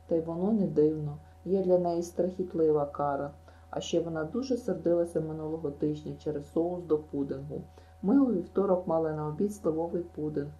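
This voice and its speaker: Woman reader as an imaginative girl, dramatic and talkative, mellow and warm tone. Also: lowish voice, reverberant, muffled recording, close to an everyday voice. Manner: breathless, gushing storytelling. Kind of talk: audiobook reading.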